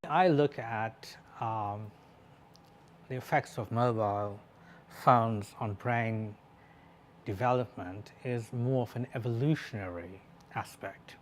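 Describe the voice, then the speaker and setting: A man, a neurologist, explaining his ideas deliberately in an expert interview. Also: on the low side, a little hiss or hum.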